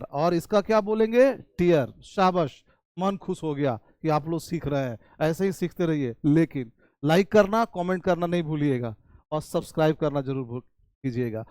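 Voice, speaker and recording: Indian guy teaching english, hindi accent, high voice, dry close sound, chatty and teasing, drags out the example lines. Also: darkish tone, clean tone, no room sound. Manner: chatty, drawn-out model sentences, teasing asides. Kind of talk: spoken English lesson.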